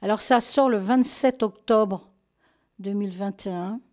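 A woman's voice: medium pitch, a little slow, a little mellow. A woman hosting a casual chat about new films, chatty and affectionate toward her listeners, often stopping to correct herself. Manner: chatty, full of fillers and self-corrections. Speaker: host presenting film releases. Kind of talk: casual radio-style chat.

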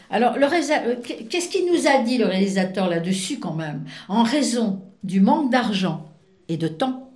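A woman's voice: medium pitch, a little mellow, reverberant. A woman presenting films on the radio in a playful, chatty, teasing way. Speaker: radio film columnist. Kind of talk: casual radio chat.

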